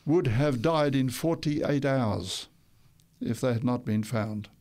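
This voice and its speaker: Slow and slightly mellow, this medium-pitched voice belongs to an older man raised in Tonga who shares his life stories on the radio. He rambles somewhat, restarting and correcting himself as he talks.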